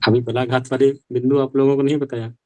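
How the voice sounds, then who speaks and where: A man's voice: mid-range voice, little pitch movement, brisk, mellow, dry recording. A male Sanskrit teacher giving an online language class, explaining step by step and asking rhetorical questions.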